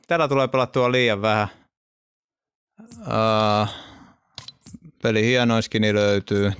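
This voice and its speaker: A man talks casually through his game collection in a smooth, clean voice. He lists items in an offhand way and drops quick asides between them. The sound is dry and close to the mic. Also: medium pitch, fairly bright tone, no echo. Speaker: gamer showing his skin collection. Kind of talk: casual gaming video commentary.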